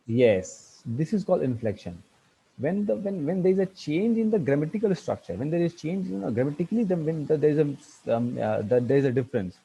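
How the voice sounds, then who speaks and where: A man teaching an online English grammar lecture, halting with many fillers and restarts, spelling words out letter by letter, over a video call. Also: on the high side, lively intonation, gravelly, mellow, husky, low-quality recording.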